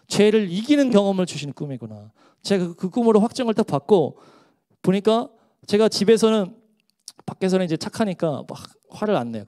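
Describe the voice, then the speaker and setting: A man's voice: high-pitched, darkish tone. Earnest man pastor giving testimony. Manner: earnest, emotional storytelling. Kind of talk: testimony in a church service. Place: church sanctuary during worship.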